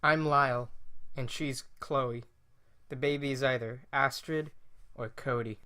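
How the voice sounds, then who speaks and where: A man's voice: medium pitch, fairly even intonation, slow, sharp tone, clear, resonant tone. A man voicing a guarded, terse young man protecting his pregnant girlfriend. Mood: flat. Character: wary young man, protective boyfriend, blunt.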